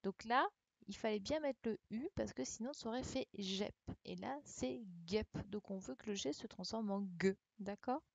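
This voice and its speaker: Woman teacher in an online class, slow and patient, dull dry lo-fi call audio. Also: a little high, gravelly, no echo. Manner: patient, spells out letters, checks with "d'accord?". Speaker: primary school teacher. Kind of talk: online class, correcting a dictation. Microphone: computer mic on a video call. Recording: dull, lo-fi sound.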